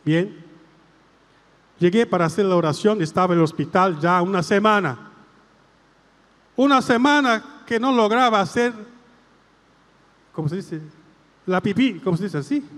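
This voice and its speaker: A man preaching a sermon as a priest, in slow, deliberate phrasing broken into short pieces. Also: high-pitched, a bit bright, in a large hall.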